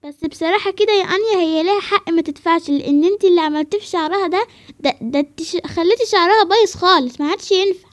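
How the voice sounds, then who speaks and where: A woman playing a blunt, work-shy girlfriend in a game role-play, frank and teasing, with an Egyptian Arabic accent. The voice is very high and talks fast. The sound is close and dry. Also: dry recording. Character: blunt girl friend and reluctant helper.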